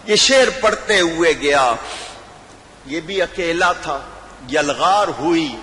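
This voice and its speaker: A male religious scholar delivering a sermon as a story, impassioned, swelling to loud cries and dropping low. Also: animated, a little hiss or hum. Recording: hall reverb with faint ambience.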